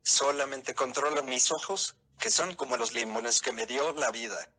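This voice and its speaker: A male synthesized text-to-speech voice like an old speech synthesizer, reading a scripted opinion segment in a robotic, measured way. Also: medium pitch, pushed and bright. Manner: robotic, evenly measured delivery. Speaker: opinion columnist.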